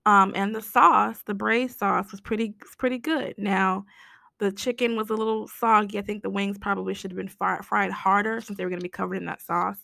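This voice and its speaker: Hoarse, raspy, whispery American woman podcaster. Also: medium pitch, steady tone, a little fast, pushed and bright, no room sound, clean studio sound. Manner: blunt, complaining, mildly sweary. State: hoarse, voice nearly gone. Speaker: podcast host. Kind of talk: casual solo podcast rant.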